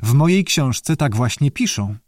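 A man's voice: medium pitch, lively intonation, a little slow, a little mellow, dry recording, studio quality, natural voice. A man voicing a courteous, bookish male newt who speaks earnestly and formally in an audiobook. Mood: courteous, eager. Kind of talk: audiobook character voice.

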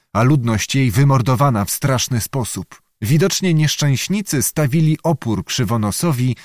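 A man reading a historical novel aloud as audiobook narrator, in a measured way. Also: medium pitch, dry recording, clean studio sound.

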